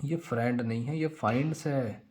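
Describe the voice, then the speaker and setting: A man's voice: mid-range voice, moderate pace, a little mellow. A man teaching vocabulary in a casual explanatory lesson, repeating words over and over as he drills rhyming memory tricks.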